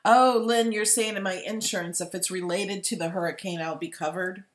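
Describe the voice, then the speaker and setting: A woman's voice: lowish voice, fairly even intonation, brisk. A woman hosting a live stream, talking casually and thinking aloud as she replies to viewers. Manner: chatty, informal, thinking aloud.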